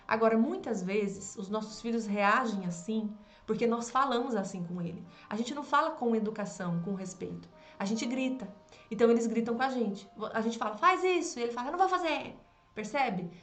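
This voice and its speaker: Brazilian woman teaching mothers in an echoey room. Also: fairly high pitch. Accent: Brazilian Portuguese. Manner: warm teaching tone, acts out child and mother dialogue. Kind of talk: live online class, teaching mothers.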